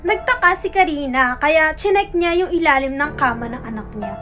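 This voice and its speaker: Woman, very high voice, dramatic spooky narration over music. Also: animated, moderate pace. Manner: dramatic storytelling. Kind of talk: narrated horror story.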